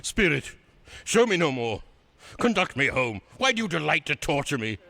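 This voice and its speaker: An old miser in a radio drama, humbled and pleading. His voice sits fairly high and swings widely. He sounds agitated. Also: sing-song, normal speed, gravelly, pushed and bright, heavily acted. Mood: anguished, pleading. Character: anguished, humbled old miser Ebenezer Scrooge.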